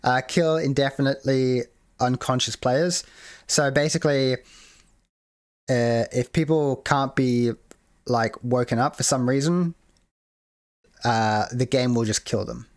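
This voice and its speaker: A man's voice: medium pitch, measured pace, pauses often, no echo, clean studio sound. A man hosting a casual screen-share tutorial on building a game mode, rambling with many fillers and restarts. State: hiccuping. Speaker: game modding tutorial host.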